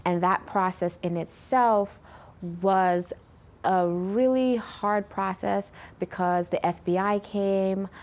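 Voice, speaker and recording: A woman in her thirties giving an earnest personal testimony in an interview, lively when she retells conversations. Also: fairly low pitch. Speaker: interview guest.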